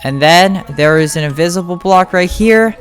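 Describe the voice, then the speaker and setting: Casual gameplay tutorial commentary from a game guide host, delivered in a medium-pitched voice with music behind it. The host sounds informal and hesitant, working things out aloud while playing.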